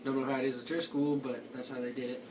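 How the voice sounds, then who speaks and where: A man's voice: medium pitch, flat delivery, fast, darkish tone. Young guy reviewing stuff, talking around a lip full of dip, far from mic, lots of background noise. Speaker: amateur product reviewer. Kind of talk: casual chat review. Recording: noisy, distant home video microphone.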